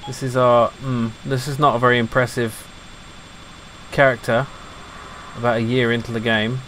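Slight background noise sits under this medium-pitched, somewhat bright male voice with a flat delivery. He's a middle-aged retro computing channel host who mumbles offhandedly as he digs into old files, quick with a laugh and a self-deprecating jab.

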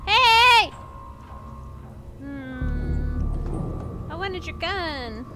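A woman with a very high voice gives playful commentary while streaming a game. She speaks at a slow pace and slips into silly babble and exclamations, with game music clearly audible behind her. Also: big pitch swings. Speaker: livestreamer playing a video game. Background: game music and sound effects.

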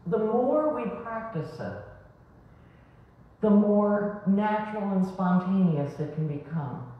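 A middle-aged woman pastor giving a slow, measured sermon in a small church sanctuary, recorded by a distant camera. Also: medium pitch. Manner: slow, measured preaching with rising and falling emphasis. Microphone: far camera. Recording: echoey church from far off, dull sound.

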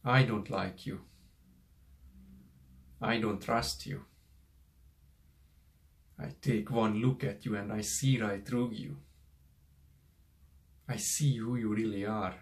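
Young guy doing an audition monologue as a jealous tough guy threatening a rival, really slow and deliberate. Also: lowish voice, steady tone. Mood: cold contempt. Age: young adult. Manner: deliberate, confrontational, with pauses. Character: menacing jealous man confronting a rival in a bar. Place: small furnished room indoors. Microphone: camera a short distance away.

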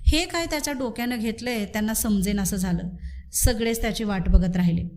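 A woman narrating a Marathi village story aloud in an expressive, measured way. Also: medium pitch. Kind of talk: story reading.

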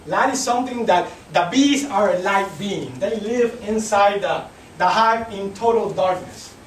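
A man's voice: high voice, unhurried, slight background noise. Male lecturer, reflective and philosophical, distant mic in an echoey classroom. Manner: philosophical, repeats and restarts. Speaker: beekeeping instructor. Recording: echoey room from far off.

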